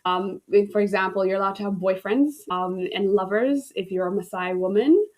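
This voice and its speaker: Woman from kenya chatting on a podcast, mid-pitched, lots of ums and restarts. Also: steady tone, moderate pace, a little mellow. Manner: thoughtful, with frequent ums and restarts. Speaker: guest, relationship coach. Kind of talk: conversational storytelling.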